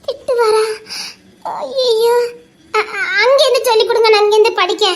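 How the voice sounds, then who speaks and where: A woman's voice: very high voice, fairly even intonation, normal speed. Woman voicing a feisty, scolding young woman. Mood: annoyed scolding. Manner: scolding, flustered, exasperated. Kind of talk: amateur audio drama.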